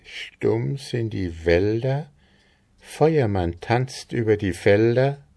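A man's voice: medium pitch, slow pace, warm tone, pitched above the performer's own voice, natural voice. A man reading the part of an old widowed mother in a storybook, lifting his voice for her urgent, anxious speech.

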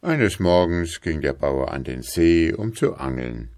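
A man reads an old folk tale in a deep, unhurried voice with a lively, rising and falling melody. The sound is close and dry, with no room around it. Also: clear, resonant tone, no room sound. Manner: measured, expressive. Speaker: storyteller.

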